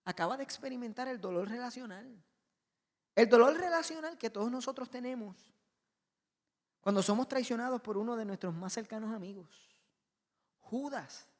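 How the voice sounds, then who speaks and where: A male pastor preaching a sermon with passion, swinging between loud emphasis and soft asides. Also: high-pitched, long reverb tail. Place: church auditorium.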